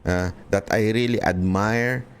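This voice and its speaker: A Filipino political vlogger addresses his viewers directly in an impassioned commentary, earnest and full of restarts as he slips between Tagalog and English. His voice is lowish and smooth, and he speaks at a slow pace.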